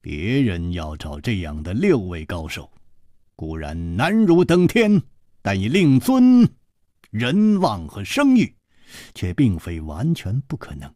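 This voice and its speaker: Man doing a low quiet unbothered hero, slow and husky. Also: huge pitch swings, dry recording, clean studio sound, heavily acted. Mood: calm. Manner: low, soft, unhurried, understated. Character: calm, unflappable male hero, quietly wry. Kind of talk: traditional storytelling performance.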